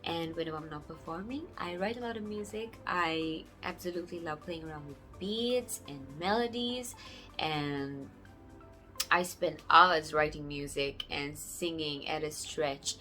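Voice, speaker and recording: A young woman from Sri Lanka talks casually to camera about her music, sounding warm and grateful. Her voice is bright and sits a little low for a woman. Soft music plays faintly underneath. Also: a little slow. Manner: warm, grateful, often laughing softly. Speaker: singer-songwriter.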